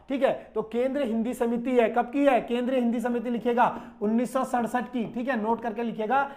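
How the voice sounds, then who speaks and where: A man teaching an online exam-prep class, explaining step by step and answering his own questions, with constant "okay" and "brother" check-ins. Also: very high-pitched. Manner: repetitive, checks in with "ठीक है" and "भाई".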